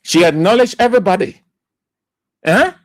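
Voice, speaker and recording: Liberian guy on talk radio, high voice swinging all over, dry mic, keeps repeating words to make his point. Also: expressive, moderate pace, no room sound. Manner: emphatic, repeats key words for stress. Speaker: radio talk show host. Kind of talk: political commentary.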